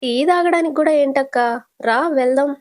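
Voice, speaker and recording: Teasing kid sister with a raised, bright pitch, as a woman storyteller voices her, casual serial retelling. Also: a little fast, close to an everyday voice. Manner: teasing, affectionate. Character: cheerful young woman hospital accountant, younger sister.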